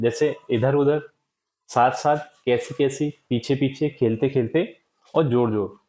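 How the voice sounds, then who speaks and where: Speaking in a mid-range, dark voice with reverberation around him, the teacher patiently walks children through a textbook lesson. He keeps posing questions, answering them himself, and checking with "ठीक है" again and again.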